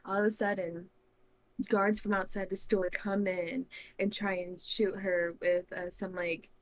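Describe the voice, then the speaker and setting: A woman's voice: medium pitch, level tone, unhurried. A woman on a podcast, telling a made-up tabletop fantasy story in casual talk and often giggling. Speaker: podcast co-host.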